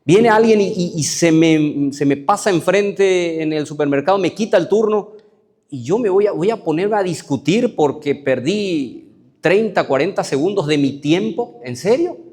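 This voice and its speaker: A man's voice: high voice, animated, normal speed, darkish tone, slightly rough. A man with a Paraguayan Spanish accent, a pastor preaching a conversational sermon full of rhetorical questions.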